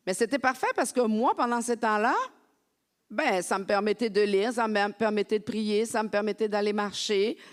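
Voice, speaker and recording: A woman from France preaching a lively, conversational sermon as a pastor in a church. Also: medium pitch, moderate pace. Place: church sanctuary. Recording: long hall reverb.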